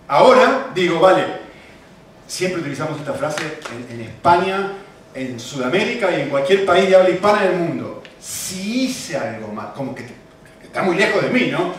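A man preaching a sermon, animated and full of rhetorical questions. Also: high-pitched, slight background noise. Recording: echoey hall from a distance.

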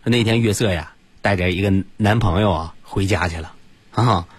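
A man telling comic stories in a casual monologue, jumping into loud high voices for the people he quotes. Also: moderate pace, slightly rough. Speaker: comedy storyteller.

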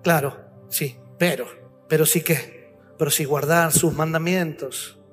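A man preaches in a high voice, firing off rhetorical questions and swinging between forceful lines and near-hushed ones. His sermon rings through a hall with a long reverb. Faint music sits behind him. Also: fairly even intonation, unhurried.

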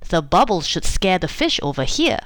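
A woman's voice: lowish voice, big pitch swings, normal speed, a bit bright, no room sound, clean studio sound. A woman voicing a playful young female hippo, in a children's storybook reading. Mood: apologetic.

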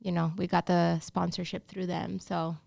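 Gravelly-voiced woman from Honduras, chatty. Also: on the low side, little pitch movement, moderate pace, darkish tone, dry recording, studio quality. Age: 30s. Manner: chatty, storytelling, upbeat. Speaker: bakery owner, guest. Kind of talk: casual interview chat.

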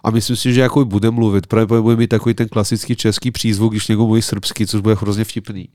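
A man's voice: on the low side, little pitch movement, a little mellow, no room sound. Serbian-accented man in his thirties, comic guest, loose joking delivery, dry close mic. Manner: loose, rambling, joking, with many fillers. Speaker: guest, stand-up comedian. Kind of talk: casual interview chat.

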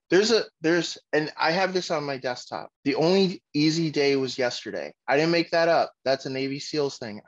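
Middle-aged man, podcast co-host, blunt and foul-mouthed storyteller, slightly dull lo-fi sound. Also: medium pitch. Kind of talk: casual chat. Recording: muffled lo-fi audio.

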